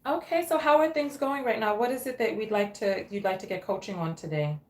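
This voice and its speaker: Woman, medium pitch, live call-in coach, guiding conversational delivery, roomy echo. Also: brisk, a little mellow. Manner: guiding, reflects back and checks in with questions. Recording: echoey, roomy sound.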